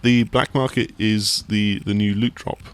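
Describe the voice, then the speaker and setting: A man explaining a video game in a relaxed, rambling co-host chat, full of fillers and restarts. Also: lowish voice, unhurried, smooth. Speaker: games journalist co-host. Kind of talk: casual gaming discussion.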